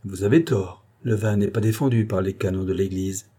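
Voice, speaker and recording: A man's voice: lowish voice, normal speed, dark tone, husky. A man voicing a jovial country priest with a teasing, bantering manner. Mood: mocking.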